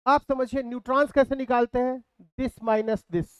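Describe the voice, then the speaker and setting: A man's voice: very high voice, steady tone, normal speed, clean tone, no echo. A man teaching a physics class in speech, repeating key terms and asking his students questions. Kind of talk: classroom lecture.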